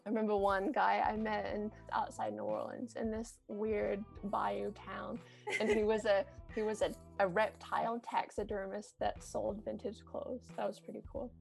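A woman's voice: medium pitch, creaky. A woman in her thirties from New Zealand with a Kiwi accent, a shop owner chatting as an interview guest with lots of ums and little laughs. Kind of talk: casual interview.

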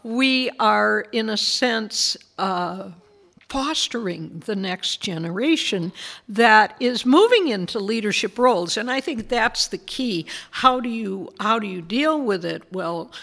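Older woman minister, measured and patient. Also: mid-range voice, animated, gravelly, a bit bright. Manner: measured and thoughtful, explains patiently. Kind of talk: interview answers.

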